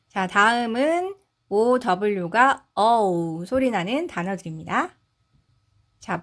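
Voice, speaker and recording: Slow, patient woman teaching phonics. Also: medium pitch, fairly bright tone. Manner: patient, sounds out syllables one by one. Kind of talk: slow explanatory phonics lesson.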